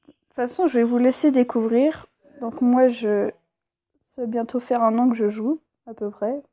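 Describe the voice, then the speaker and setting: A woman's voice: on the high side, fairly even intonation, normal speed, warm tone. A woman hosting a let's play, chatting casually and stumbling a little over her words. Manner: chatty, hesitant, with fillers and stumbles when reading. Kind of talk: casual gameplay commentary.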